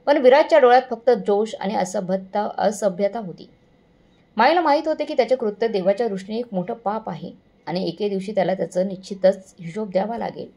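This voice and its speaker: A woman's voice: mid-range voice, dark tone, muffled recording. A woman narrating a first-person moral story in an earnest, somber way, sometimes correcting herself.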